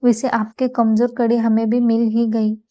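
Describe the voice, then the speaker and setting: Female reader as playful, defiant young bride; soft, higher, flat delivery. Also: normal speed, dull audio, natural voice. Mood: teasing.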